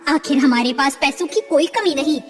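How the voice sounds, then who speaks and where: A woman voicing a reasonable young adult son who gently reproaches his mother, in a storybook narration. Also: high-pitched, moderate pace, lightly acted. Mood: reproachful. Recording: long reverb, faint music behind.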